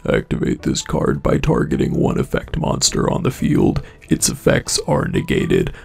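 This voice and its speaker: A man voicing a huge ancient male titan with a gravelly, pitched-down voice, processed with reverb, delay and chorus, reading slowly and weightily. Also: huge pitch swings, soft background music, full character voice. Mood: commanding. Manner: slow, weighty card-reading delivery. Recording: heavy added reverb, long echo tail.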